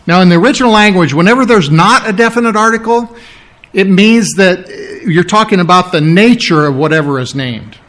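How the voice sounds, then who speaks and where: A middle-aged pastor delivers a teaching sermon, explaining scripture with asides and humor. His voice is high-pitched and a bit bright, and he slows down to stress key phrases.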